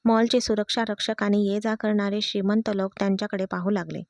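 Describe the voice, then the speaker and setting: A woman narrates a story in an even, expressive reading voice at a middling pitch. The recording is dry and close, with no room sound. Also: brisk, no room sound.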